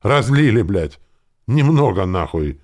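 A man's voice: deep voice, very animated, moderate pace, darkish tone, pitched above the performer's own voice, exaggerated voice. A man voicing a grumpy, foul-mouthed male elf druid who grumbles and bursts out in irritation, in an audiobook. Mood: furious. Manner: gruff, swearing, exasperated outbursts. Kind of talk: audiobook character voice.

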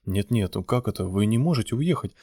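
A man's voice: on the low side, expressive, a little fast, warm tone, breathy edge, no echo, clean studio sound. A male reader voicing a stubborn, exasperated painter who pleads and insists. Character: flustered stubborn male artist.

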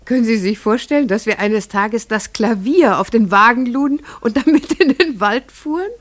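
Dreamy and measured, occasionally hushed and sometimes lifting into rapt wonder, an actress tells the story of a farmer's wife and mother through scripted first-person radio-play narration. Her voice is a little high and animated.

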